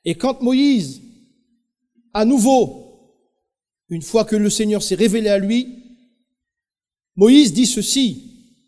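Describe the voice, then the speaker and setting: A male pastor with a French Caribbean accent preaching to his congregation. He tells the story emphatically, speaking right to the listeners. His voice is high for a man and rings out with a long hall reverb. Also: slow, pauses often, a little mellow. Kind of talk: sermon.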